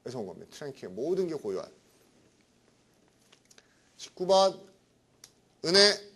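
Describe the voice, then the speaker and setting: A middle-aged man teaching vocabulary in a chatty, conversational way. His voice sits a little high for a man and swoops widely up and down as he talks. He keeps checking that his listeners are following along. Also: big pitch swings, a little slow, pushed and bright, a little hiss or hum. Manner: chatty, keeps asking "right?". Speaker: English vocabulary lecturer. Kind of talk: classroom lecture.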